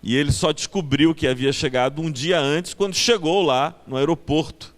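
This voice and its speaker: A Brazilian Portuguese-speaking man preaching a sermon as pastor of a small church, telling a story in a reflective, unhurried way. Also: on the high side. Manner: reflective storyteller, loud bursts on acted exclamations.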